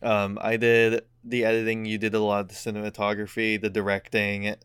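A man's voice: on the low side, monotone, a little fast, a bit bright, clear, resonant tone, dry recording, clean studio sound. A man hosting a casual podcast, joking, teasing and swearing freely with lots of laughter. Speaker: podcast host.

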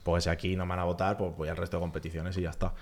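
A man, chatting casually as a podcast guest in an animated, filler-heavy way. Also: low-pitched, crowd noise. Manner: animated, talks fast with lots of filler phrases. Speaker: guest, freestyle rapper.

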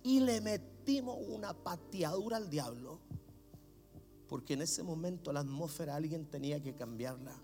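A middle-aged man with a Chilean Spanish accent, preaching a sermon as a pastor, swinging from low murmurs to shouts. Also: expressive, normal speed, faint music behind.

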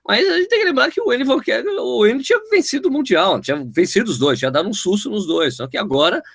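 A man co-hosting a sports talk stream, chatting casually, full of restarts and excited jumps in his voice. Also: fast, gravelly. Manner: excitable, restarts often, voice jumps high when retelling. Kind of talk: casual chat.

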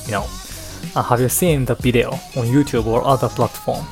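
A man from Japan with a Japanese accent, hosting his own podcast in an unhurried, chatty way and moving between English and Japanese. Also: mid-range voice, fairly even intonation, music in the background. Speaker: podcast host. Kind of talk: casual solo podcast talk.

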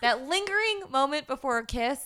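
A young woman co-hosting a casual chat podcast, chatty and quick to laugh, acting out her own reactions. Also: sits high, animated, sharp tone, no room sound. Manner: chatty, laughs often, quotes herself in mock reactions. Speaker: podcast co-host.

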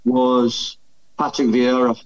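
A man's voice: mid-range voice, flat delivery, slow pace, clear, resonant tone, low-quality recording. A man, a former footballer, chatting casually as a podcast guest, thinking aloud and laughing easily. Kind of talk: casual chat.

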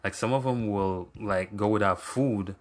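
A young Jamaican man hosts his own casual solo podcast, speaking unhurriedly in a fairly low voice. He rambles a lot, using fillers and correcting himself along the way.

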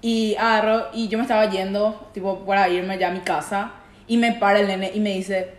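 A woman's voice: mid-range voice, fairly even intonation, normal speed, reverberant. A young woman with a Paraguayan Spanish accent, a podcast host chatting casually and mixing in English words. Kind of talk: casual chat.

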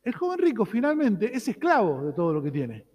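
A man's voice: high voice, wildly swooping pitch, fairly quick, darkish tone, in a large hall. A man with a Rioplatense Spanish accent preaching a sermon as pastor, in a conversational way that keeps asking his listeners for agreement. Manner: conversational, asks the congregation "¿no?".

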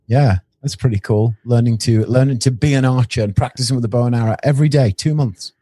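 Mellow-voiced chatty podcast man. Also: medium pitch, fast. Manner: chatty, rambling, with small restarts. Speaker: podcast co-host reviewing a film. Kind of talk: casual podcast chat.

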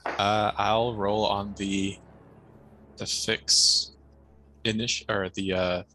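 Male gamer, lowish bright voice, casual, unhurried. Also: level tone, a little hiss or hum, poor audio. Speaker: tabletop game player. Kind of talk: casual game chat. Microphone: headset or headphones setup.

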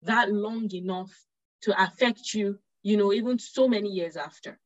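A woman's voice: mid-range voice, moderate pace, no room sound. A woman hosting an interview who asks questions and affirms her guest often. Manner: affirming, frequent murmured agreement. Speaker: host. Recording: dry, dull lo-fi sound.

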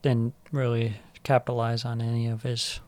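A man's voice: mid-range voice, completely flat delivery, moderate pace, darkish tone, dry recording. A man co-hosting a sports podcast, casually talking over soccer matches.

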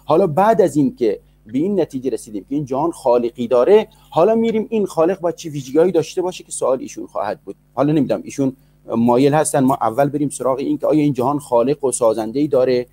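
A man's voice: mid-range voice, animated, warm tone, husky. A man in an online debate, speaking politely and formally and posing many rhetorical questions. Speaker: debater defending belief in God.

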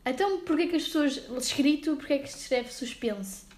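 A young woman in her twenties with a European Portuguese accent, co-hosting a podcast in a playful, chatty way and thinking out loud. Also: sits high, lively intonation, brisk, roomy sound. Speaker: podcast co-host. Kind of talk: casual chat.

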